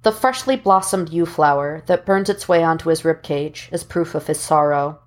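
Reading fan fiction in audiobook style, this woman speaks in a low register. Her phrasing is slow and deliberate, broken by dramatic pauses.

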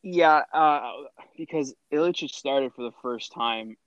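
A man's voice: mid-range voice, measured pace, no echo. Man co-hosting a podcast over a dull line. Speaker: podcast co-host. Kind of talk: casual chat. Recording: dull lo-fi sound.

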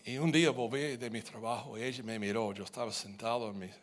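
A man preaching, telling his own testimony as a story, animated and repeating words as he goes. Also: medium pitch, fast talker.

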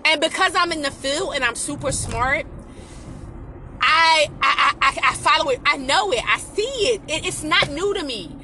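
Young woman, high and bright voice, blunt and profane, casual confessional vlog rant with emphatic repeats. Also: normal speed, slight background noise, low-quality recording. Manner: blunt, heavy swearing, emphatic repetition; animated storytelling, advising young women. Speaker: vlogger venting about a relationship.

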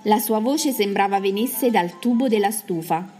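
A woman reading a children's story aloud with expressive, dramatic narration. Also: mid-range voice, moderate pace, soft background music.

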